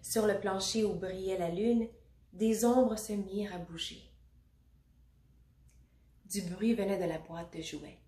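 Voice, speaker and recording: A woman reading a children's picture book aloud, expressive and adding little asides for children. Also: mid-range voice, takes it slowly, pauses often. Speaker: storybook reader. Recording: roomy echo.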